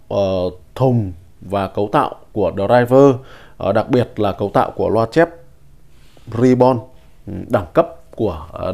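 A man's voice: on the low side, darkish tone. A man presenting speakers for an audio shop, talking politely with many fillers and self-corrections. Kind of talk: product presentation.

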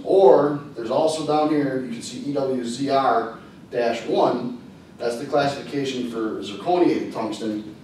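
A man's voice: medium pitch, darkish tone, slight background noise. A man in his thirties teaching welding at a whiteboard, talking casually with plenty of ums and uhs. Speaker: welding instructor. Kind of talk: classroom lecture. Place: classroom at a whiteboard. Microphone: far camera. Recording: echoey classroom from far off.

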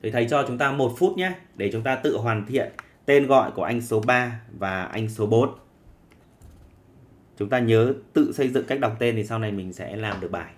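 A man's voice: medium pitch, normal speed. A man teaching a live online chemistry class, dictating notes and often checking that students are following.

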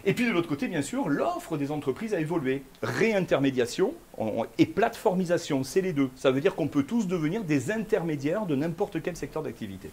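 A man giving a fast, lively conference keynote, talking straight to the audience with frequent questions. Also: fairly high pitch, breathy edge. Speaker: keynote speaker. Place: conference room before an audience.

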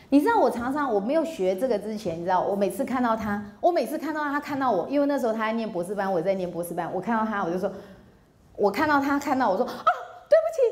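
Lively Taiwanese woman lecturing, somewhat high. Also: reverberant. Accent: Taiwanese Mandarin. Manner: lively, acts out dialogue with laughter. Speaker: psychology professor giving a public lecture. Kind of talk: storytelling public lecture.

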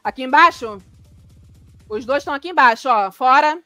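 A woman's voice: high-pitched, lively intonation, moderate pace, bright, forceful tone, dry recording, faint music behind. A woman hosting a live stream, commenting on a reality show and reading out viewer comments in a chatty, exclamatory way.

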